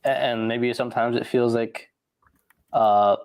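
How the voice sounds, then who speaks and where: A man talking casually in conversation, halting as he searches for his words. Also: mid-range voice, fairly even intonation, a little mellow, clear, resonant tone, no room sound. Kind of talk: conversation about dating.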